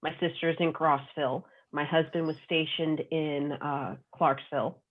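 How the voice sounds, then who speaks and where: A woman's voice: deep voice, steady tone, unhurried. A woman, a guest author chatting casually in an interview, rambling with plenty of fillers. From Long Island, New York. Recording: tinny phone-like call audio.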